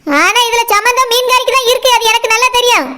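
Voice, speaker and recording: Someone voicing a squeaky, sharp-tongued cartoon woman from Kanyakumari. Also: quick pace. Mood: scolding. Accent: Kanyakumari Tamil. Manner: blunt, lecturing, accusing. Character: middle-aged woman, sharp-tongued and scolding. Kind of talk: cartoon voice acting.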